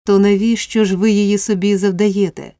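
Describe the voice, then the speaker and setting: A woman's voice: medium pitch, level tone, a little fast, dark tone, dry recording, lightly acted. A woman voicing an earnest young man in love, pleading insistently in an audiobook reading.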